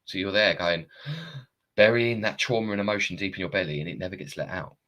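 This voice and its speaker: A man's voice: sits low, fairly quick, pushed and bright. A man giving blunt, sweary, emphatic motivational talk as a coach.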